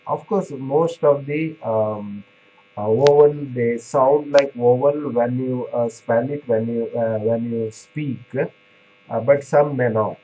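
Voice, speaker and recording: A man's voice: mid-range voice, slow pace, warm tone, highs cut off. A man giving a classroom lecture on pharmacy, explaining step by step with many fillers and restarts, checking in with "right?".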